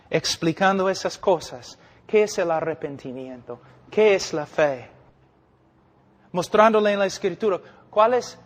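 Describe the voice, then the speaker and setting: An older man delivers an emphatic sermon, pausing for effect and acting out quotes as he preaches. His voice sits fairly high for a man. The recording carries a long reverb, like a big hall. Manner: emphatic, preaching with dramatic pauses and acted-out quotes. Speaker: preacher and missionary.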